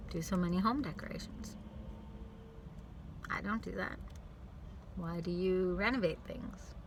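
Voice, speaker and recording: Sitting in a parked car, a woman songwriter vlogs to her camera in a chatty, playful, rambling monologue, often interrupting herself to rethink what she means. Her voice is on the low side and a bit bright, with a little hiss or hum in the recording.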